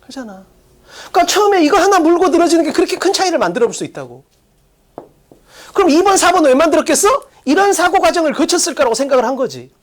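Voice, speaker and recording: An English exam-prep teacher giving an online lecture, coaching students with quick rhetorical questions in a casual, plain classroom way. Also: extremely high pitch, sing-song.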